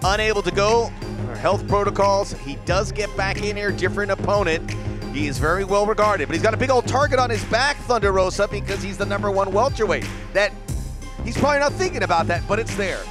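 A man's voice: sits high, fairly quick, music in the background. A man giving live sports commentary as the lead commentator at a fight.

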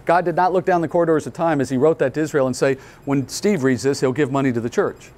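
A man's voice: on the high side, fast, a little mellow. A male pastor giving a Bible teaching at a conference, explaining earnestly step by step and asking rhetorical questions. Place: conference hall.

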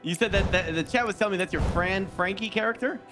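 A man joining a game stream, asking halting questions. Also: sits high, over music. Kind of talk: casual chat during gameplay.

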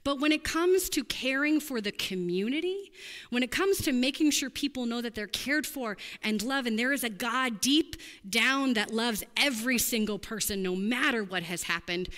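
Woman, pastor, sermon, earnest conversational delivery, higher voice, long sanctuary reverb. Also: lively intonation, normal speed, a bit bright.

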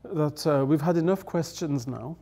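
Speaking at normal speed in a mellow, slightly high voice, a middle-aged native English-speaking guest elder recounts anecdotes in a chatty style. He sits at a table on a studio set with dark curtains, laughing and acting out quotations.

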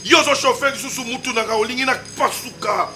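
A man's voice: very high-pitched, brisk, bright, forceful tone, soft background music, heavily acted. An actor playing a young husband who complains heatedly to his wife, in a film drama. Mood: complaining.

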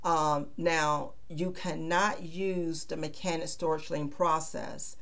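Middle-aged woman, low voice, talking slow and careful into her webcam at the office, lots of uh and you know. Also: steady tone, gravelly, a bit bright. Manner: measured, deliberate, with frequent "uh" and "you know". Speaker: title service business owner explaining vehicle title processes. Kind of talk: explainer video. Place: small office. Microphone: webcam at desk.

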